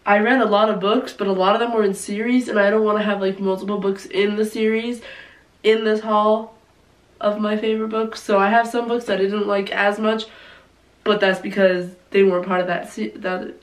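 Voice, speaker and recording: A woman's voice: medium pitch, flat delivery, normal speed. A woman of twenty-one with a stuffy, congested voice from a cold, chatting casually and ramblingly to camera about things she likes. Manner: rambling, informal, self-interrupting, frequent "like". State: sick with a cold. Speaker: book vlogger presenting favorite reads. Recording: echoey room, distant microphone.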